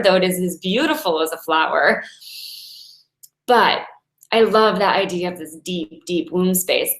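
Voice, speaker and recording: A woman's voice: medium pitch, fairly bright tone. Chatty woman in an echoey room. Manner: chatty and earnest, laughing between thoughts. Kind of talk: inspirational talk to camera.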